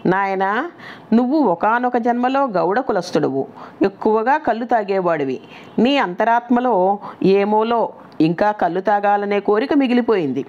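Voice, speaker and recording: A woman voicing a kind elderly male sage who gently instructs a disciple in a devotional story. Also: medium pitch, close to an everyday voice. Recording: dull lo-fi recording.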